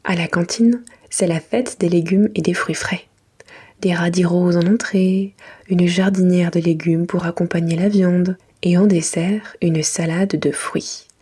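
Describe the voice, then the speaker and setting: A woman reading a children's storybook in a soft, breathy library whisper, gently and without hurry, in an ASMR style. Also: fairly low pitch, steady tone, a little slow.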